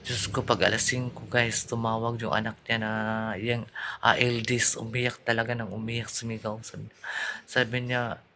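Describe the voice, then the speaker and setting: A man's voice: mid-range voice, little pitch movement, moderate pace, pushed and bright, a little hiss or hum. A man vlogging, telling a painful family story through grief, repeating himself and talking straight to his viewers. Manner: grieving, repeats himself, often addresses viewers as guys. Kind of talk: emotional personal storytelling vlog.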